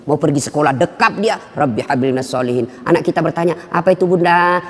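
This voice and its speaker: A male preacher giving a sermon with animated storytelling, acting out the voices of the people in his stories. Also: fairly high pitch, long reverb tail.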